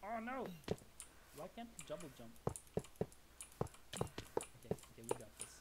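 Low-voiced excitable woman gamer. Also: measured pace, very noisy. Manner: excitable, self-mocking exclamations. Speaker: gameplay streamer. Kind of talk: casual gameplay commentary.

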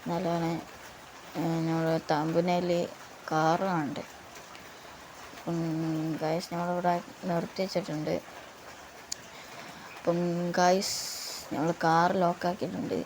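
A woman's voice: fairly low pitch, little pitch movement, takes it slowly, long pauses, a little mellow, slight background noise, poor audio. A woman with a sore throat giving casual, rambling gameplay commentary as a YouTuber, often addressing her viewers. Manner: rambling, filler-heavy, keeps addressing viewers. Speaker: gaming YouTuber.

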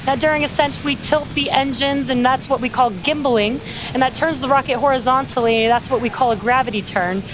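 A woman's voice: sits high, brisk, music in the background, poor audio. A woman giving live launch commentary as a webcast host, explaining things as she goes.

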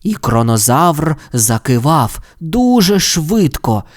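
A man narrating a children's audio fairy tale with expressive, animated storytelling. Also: fairly high pitch, slow.

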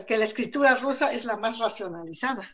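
A woman's voice: fairly high pitch, lively intonation, fast. A woman from the Sierra Norte of Oaxaca, a Zapotec language teacher, explaining in conversation and thinking aloud with fillers and repeated words. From Sierra Norte of Oaxaca, Mexico. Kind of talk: conversational discussion.

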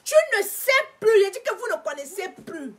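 High, lively Cameroonian woman lecturing. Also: normal speed. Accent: Cameroonian French. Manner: animated, emphatic, repetitive lecturing. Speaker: Facebook live streamer. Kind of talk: casual live-stream monologue.

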